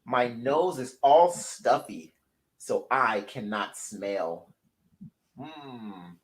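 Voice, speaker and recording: Reading a children's picture book aloud, a man with a voice on the high side plays a sick little horsefly with a stuffy nose. The character is gentle and sweet, and he voices it hoarse and sniffly.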